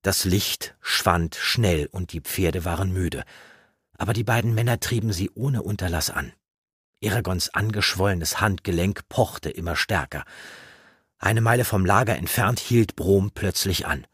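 A man narrating a fantasy audiobook in a measured, dramatic reading. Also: low voice, fairly bright tone, husky, no echo, studio quality.

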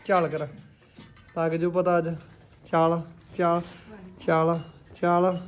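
A man's voice: on the high side, monotone, slow, a little hiss or hum. A man filming a farm vlog outdoors at a stable on a phone, teasing and coaxing his friend with repeated urgings. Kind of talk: casual outdoor banter. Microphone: phone camera.

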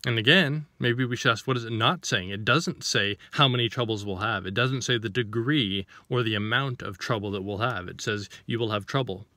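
A man's voice: medium pitch, moderate pace, hardly any pauses, bright, forceful tone, dry recording. A man giving an informal sermon to the camera, reading scripture and then explaining it with rhetorical questions and a few restarts as he searches for words.

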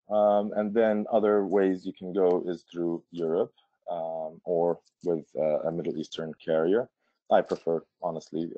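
A Jordanian man with a low, dry-sounding voice presents a webinar for a tourism board from a remote setup in Washington D.C. He's casual and chatty, filling pauses with ums and frequently restarting, and the dry recording has a dull lo-fi quality.

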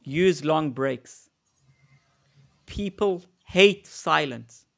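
A man with a high, light voice talks through a live webinar over a video call. He coaches in a direct way, stopping often to restart a sentence or fill a gap. He sounds like an expert walking a team through practical advice. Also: expressive, extremely slow, creaky, a bit bright. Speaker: negotiation expert presenting a webinar.

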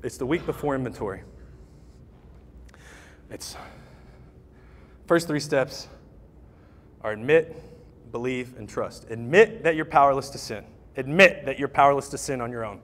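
A man giving an impassioned personal testimony at a church, repeating phrases and building to shouts. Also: mid-range voice, moderate pace, pauses often. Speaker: guest speaker at church recovery ministry. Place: church sanctuary. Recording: long church hall reverb.

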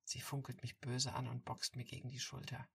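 A woman reading a first-person story aloud, intimate and softly told, on a distant mic. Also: very deep voice, flat delivery, normal speed, creaky, breathy edge. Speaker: audiobook reader.

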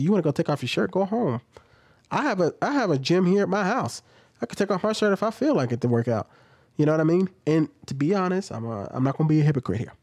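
A man's voice: mid-range voice, a little mellow, no echo. A man in his thirties giving blunt, casual reaction commentary from his home room into a close studio microphone, talking loosely with lots of fillers. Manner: blunt, conversational, many fillers. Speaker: commentary vlogger. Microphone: studio XLR mic on boom, close.

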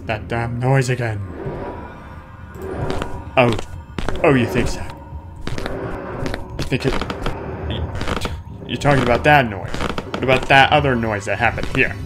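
While playing through a horror game, a man offers relaxed let's play commentary with muttered asides, nervous exclamations and playful little sounds. He speaks in a mid-range voice at a measured pace with long pauses. Music runs in the background.

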